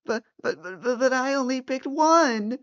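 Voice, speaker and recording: A performer voicing an eccentric, excitable and timid old man in a storybook tale. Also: mid-range voice, slow, dull audio, voice pushed up, full character voice. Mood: terrified.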